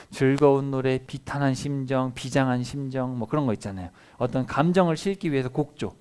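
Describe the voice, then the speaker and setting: A male pastor giving a children's sermon, animated and constantly quizzing the children with questions. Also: medium pitch, clean tone.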